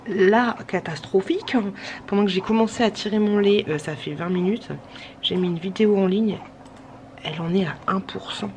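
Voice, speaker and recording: A woman's voice: mid-range voice, moderate pace, a little mellow. A tired woman, chatting casually to camera at home late at night, rambling with many fillers and restarts. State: a little sick. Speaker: vlogger. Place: home at night, pumping breast milk. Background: breast pump hum.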